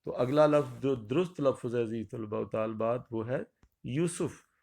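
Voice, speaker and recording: A male Urdu teacher giving an exam revision lecture, repeating each answer option slowly and addressing his dear students. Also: mid-range voice, gravelly, darkish tone.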